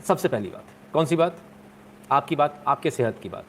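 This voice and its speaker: A man's voice: fairly high pitch, animated, normal speed, a little hiss or hum. A man hosting a live stream, chatting casually with viewers in a joking, sarcastic way.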